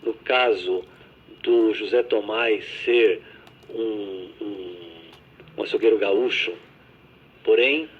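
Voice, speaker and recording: Husky male radio host on a tinny line. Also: fairly low pitch, slow pace, long pauses. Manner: conversational, often ends with "né?". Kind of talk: radio interview. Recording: tinny phone-like radio sound.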